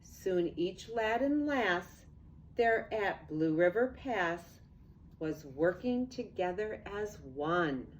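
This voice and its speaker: An older woman, a grandmother, reads a picture book aloud to young children in an expressive, unhurried way with casual asides. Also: mid-range voice, highs cut off, slight background noise. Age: 60s or older.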